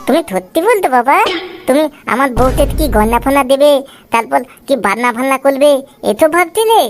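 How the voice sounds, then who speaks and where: A woman's voice: high voice, very animated, fairly quick, faint music behind. A woman voicing a childish, whiny boy who wants to get married, in a cartoon. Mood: gleeful. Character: whiny boy eager to marry. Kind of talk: Tweencraft cartoon voice acting.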